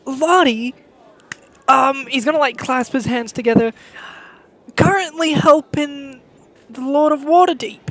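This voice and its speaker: A woman playing a sheepish scheming shapeshifter guy, rambling with lots of fillers, voice pitched up a bit. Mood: hesitant. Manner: rambling, halting, full of fillers.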